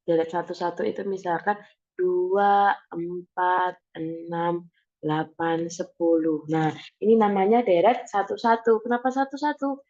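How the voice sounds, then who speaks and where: A woman's voice: on the low side, steady tone, unhurried, darkish tone, highs cut off. A young woman tutoring math over a video call, explaining patiently step by step with many "nah" and "oke". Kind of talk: online math tutoring session.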